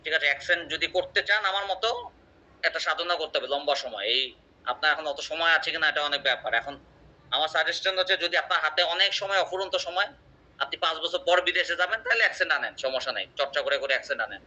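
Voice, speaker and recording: A man's voice: fairly high pitch, fast talker, sharp tone. A man teaching an English class, explaining with examples and quizzing his students. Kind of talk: online class lecture. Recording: muffled lo-fi audio.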